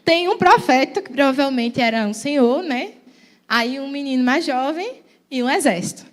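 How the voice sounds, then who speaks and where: A woman's voice: high voice, lively intonation, moderate pace. A young woman with a Brazilian accent preaching a church sermon in a conversational, playful storytelling way.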